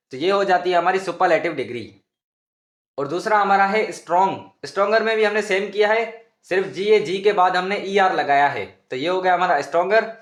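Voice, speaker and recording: A man's voice: high voice, fairly bright tone, reverberant. A man teaching English grammar in a patient, repetitive lesson, often calling his viewers students. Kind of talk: explanatory classroom lesson.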